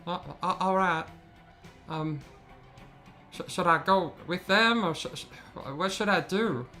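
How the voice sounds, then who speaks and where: A game master voicing a scared, teary little male goblin who stammers in a high voice. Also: a little slow, sharp tone. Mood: hesitant. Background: faint background music.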